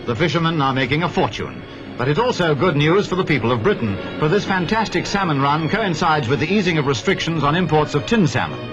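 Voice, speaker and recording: A man giving brisk, upbeat old 1950s newsreel narration as the announcer. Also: on the high side, expressive. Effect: 1950s newsreel sound. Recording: dull lo-fi 1950s newsreel audio with loud music.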